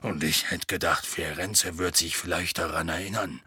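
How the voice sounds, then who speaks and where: A hulking, gruff half-giant groundskeeper, speaking slowly in a deep, grainy, husky rumble. His plain, folksy words come out with a sharp, bright edge. The sound is close and dry, like a storybook reading. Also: fairly even intonation, no echo, full character voice. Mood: grim gruff. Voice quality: gravelly, raspy. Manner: gruff, slow, folksy speech.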